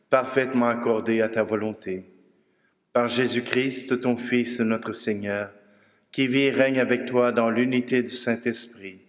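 A male priest with a Québécois French accent intones the mass prayers at a very slow, deliberate pace. His mid-pitched voice rings through a church, with long reverb trailing each phrase. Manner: slow, solemn, measured delivery. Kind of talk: liturgical prayer.

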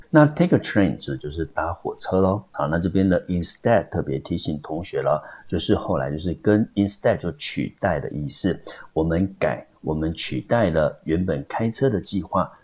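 A man's voice: sits low, darkish tone, breathy edge. A man teaching English vocabulary in Taiwanese Mandarin, explaining words step by step and spelling out their syllables. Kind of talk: vocabulary lesson.

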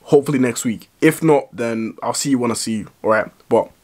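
A man's voice: medium pitch, fairly quick, noisy background. A young man talking straight to camera in an advice vlog, blunt and heavy on swearing, tagging his points with "right?". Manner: blunt, profane, emphatic, with frequent "right?" tags. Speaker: vlogger.

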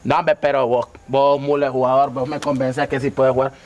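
An actor playing an excitable football fan in a comedy sketch, speaking with a Honduran accent and bursting into commentator-style goal calls. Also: male voice, mid-range voice, normal speed, lo-fi sound, close to an everyday voice. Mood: coaxing. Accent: Honduran Spanish.

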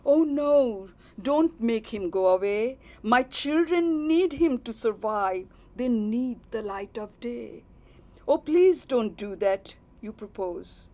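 A woman's voice: on the high side, slow. A woman voicing the Earth as a devoted, motherly woman who pleads earnestly in a recited poem. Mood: pleading. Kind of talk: poetry recitation.

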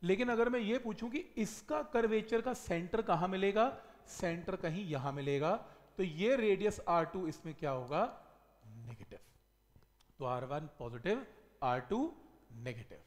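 High-voiced man lecturing at a whiteboard. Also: expressive, a little slow. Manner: asks questions and answers them himself, stressing each key word. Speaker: physics teacher. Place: classroom studio at a whiteboard. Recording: long reverb in the room.

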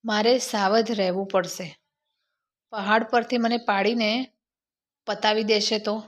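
A woman's voice: medium pitch, fairly even intonation, unhurried, lightly acted. A woman voicing a suspicious, anxious young wife in a spoken story.

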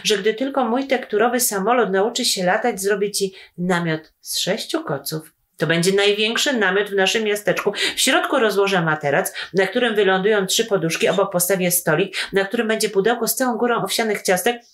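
A woman voicing Radek, a boy brother who builds paper planes and makes big, rapid boastful promises. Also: medium pitch, a bit bright, close to an everyday voice.

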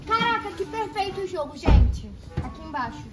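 High-voiced Brazilian young woman. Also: sing-song, normal speed. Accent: Brazilian Portuguese. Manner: playful, bossy, exclamatory. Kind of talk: casual chat. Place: inside a parked car. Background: background music.

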